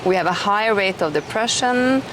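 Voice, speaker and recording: A middle-aged woman talks with eager enthusiasm at a mid-range pitch, often restarting her sentences. She is recorded outdoors, and steady noise runs behind her voice. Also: normal speed. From Norway. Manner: chatty and enthusiastic, with frequent restarts and fillers. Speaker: host. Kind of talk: casual conversational interview. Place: outdoors in an eco village.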